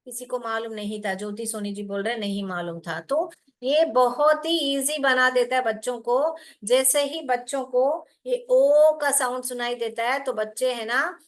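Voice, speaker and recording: A woman's voice: fairly high pitch, normal speed. A woman teaching phonics in an online class, patient and explaining step by step, often asking rhetorical questions and fondly addressing her learners as children.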